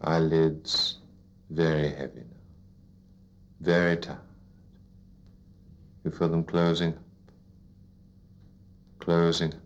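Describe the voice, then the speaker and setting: A man guiding a listener into sleep as a hypnotist, in a soothing, repetitive, deliberate narration with pauses, like a sleep story narrator. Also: extremely low pitch, steady tone. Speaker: hypnotist leading a relaxation induction. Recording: dull lo-fi recording.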